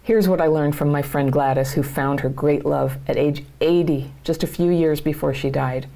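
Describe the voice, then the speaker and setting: A woman's voice: low voice, steady tone, moderate pace, gravelly, mellow. A middle-aged woman hosting her own channel, speaking straight to her viewers as a coach with earnest, plain-spoken encouragement. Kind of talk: direct-to-camera advice talk.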